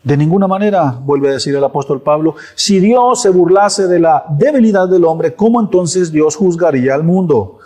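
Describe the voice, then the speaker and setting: A male pastor delivers a sermon in church. He is emphatic, repeats lines for stress and throws out rhetorical questions. His voice sits a little higher than most men's. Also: moderate pace, hardly any pauses, a little mellow.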